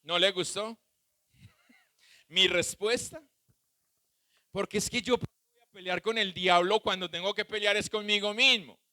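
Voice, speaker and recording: Man pastor, colombian spanish accent, high bright voice, dry close sound, sermon with shouts and hushed asides. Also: unhurried, long pauses, dry recording. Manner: animated preaching with sudden shouts and soft asides.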